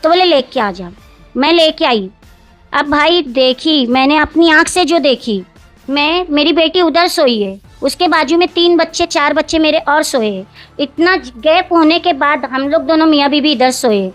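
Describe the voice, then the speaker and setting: A woman's voice: high-pitched, lively intonation, normal speed, faint music behind. A woman, recounting events at length in an interview, often repeating herself and quoting others word for word. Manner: long, rambling, repeats herself, quotes others directly.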